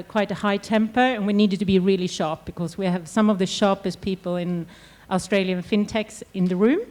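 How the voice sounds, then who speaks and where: A woman's voice: mid-range voice, a little mellow. Woman moderating a conference panel. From Sweden. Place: conference stage.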